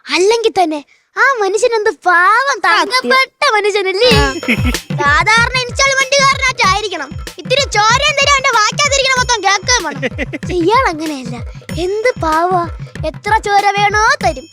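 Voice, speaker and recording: A man's voice: very high voice, lively intonation, moderate pace. A man playing a broke, scheming Dracula with a family in a comedy stage sketch, talking in a whiny, self-pitying way. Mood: bragging. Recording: stage sketch under loud music.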